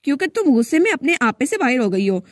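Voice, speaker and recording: A woman voicing Noel, a calm young man who gently and politely soothes an angry woman. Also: high voice, fast talker, no echo, clean studio sound.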